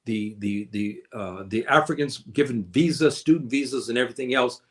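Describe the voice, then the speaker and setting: A man hosting a casual livestream, answering his chat in a halting way with many repeated words and fillers. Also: mid-range voice. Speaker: livestream host reading chat. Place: indoors, living on the African continent.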